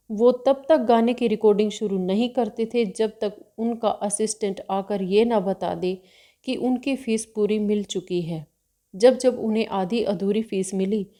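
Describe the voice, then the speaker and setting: A woman giving a scripted narration of anecdotes in a steady storytelling delivery. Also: medium pitch.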